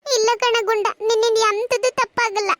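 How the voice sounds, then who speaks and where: Someone doing a whiny cartoon kid, sulky and teary, very high squeaky voice, dry close sound. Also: steady tone, normal speed, fairly bright tone, no echo. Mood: sulky tearful. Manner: whiny, tearful pleading. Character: Tammanni, sad, sulky schoolboy. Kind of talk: cartoon voice acting.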